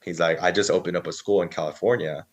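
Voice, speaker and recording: Very deep-voiced man in his thirties. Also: fairly even intonation, quick pace. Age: 30s. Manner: rambling, filler-heavy, quotes others. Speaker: guest. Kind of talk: casual interview storytelling.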